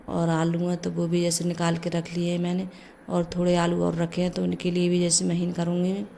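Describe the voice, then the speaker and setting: A middle-aged mother vlogs casually from her home kitchen, chatting through her morning chores and leaning on the filler "jaise." A cold has made her low, gravelly voice hoarse, her pitch stays nearly flat, and a faint household hum runs behind her.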